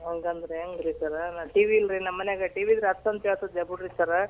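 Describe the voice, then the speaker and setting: A woman from Raichur with a North Karnataka Kannada accent speaks fast in a fairly low, fairly even voice, the target of a prank call. She earnestly consoles the caller on the phone and repeats herself. The phone line is muffled, with music.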